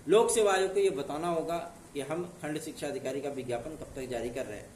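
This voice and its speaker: Hosting an exam news channel, this man talks to camera in a casual update, sounding hoarse from a sore throat. His pitch runs on the high side, his pace fairly quick and his tone a little mellow, and the echoey room and off-mic placement make him sound distant, with slight background noise. Earnest and reassuring, he keeps adding tag questions.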